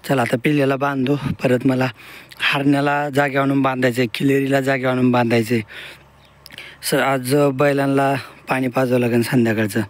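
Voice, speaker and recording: A man's voice: mid-range voice, flat delivery, moderate pace. A man narrating a casual farm vlog outdoors, walking the viewer through his fields and animals. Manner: explains his fields and animals to the camera while working. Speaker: farmer vlogger.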